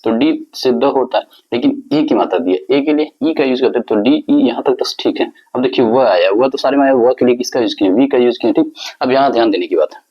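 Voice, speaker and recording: A man's voice: mid-range voice, fast talker, slightly rough. A male teacher explaining a lesson step by step, asking the class questions and answering them himself. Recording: slightly dull lo-fi recording.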